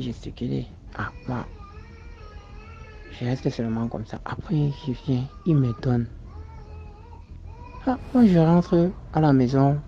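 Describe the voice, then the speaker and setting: A man with a Cameroonian French accent telling a first-person story casually, halting with many restarts and fillers. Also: medium pitch, vocal fry, warm tone. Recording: dull lo-fi audio with faint noise.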